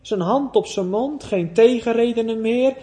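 A man preaching a sermon, emphatic, with big swings in loudness and pitch and rhetorical questions. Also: measured pace.

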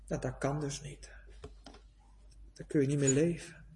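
A man preaching a sermon in a church, pleading and fervent, swinging between hushed and loud. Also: a little high, steady tone, a little slow, a little hiss or hum.

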